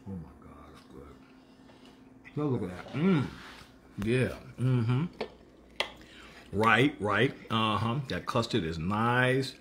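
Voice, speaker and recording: A man's voice: lowish voice, takes it slowly, long pauses, noisy background. A man in his fifties hosting a casual live cooking show from his home kitchen, playful and humming over his food. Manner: animated, playful, savoring food aloud with hums. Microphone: phone camera on the counter. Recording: echoey kitchen room.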